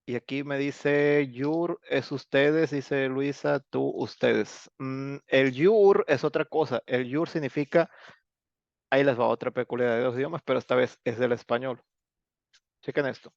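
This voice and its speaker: A man's voice: medium pitch, a little slow, gravelly, dry recording. A man with a Mexican Spanish accent teaching an online English class, chatty and explanatory with many fillers. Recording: dull, lo-fi online class audio.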